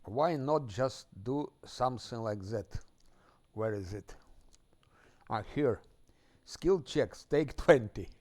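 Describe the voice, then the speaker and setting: Slow-talking male streamer chatting casually. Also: medium pitch, expressive, a little mellow. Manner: unhurried, thinking aloud, chuckles often. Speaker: game streamer. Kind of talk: casual live-stream chat while playing.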